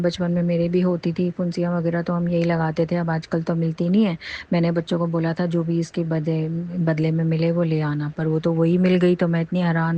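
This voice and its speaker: A woman's voice: lowish voice, mellow. A middle-aged woman giving an earnest, rambling devotional testimony. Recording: dull lo-fi recording.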